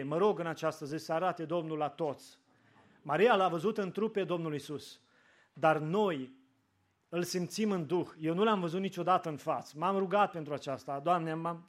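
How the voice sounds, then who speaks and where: A male preacher with a high voice delivers a sermon in church. He speaks with fervor, pushing some lines out loudly and sinking to soft, prayerful tones on others. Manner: fervent, rising and falling with emphasis.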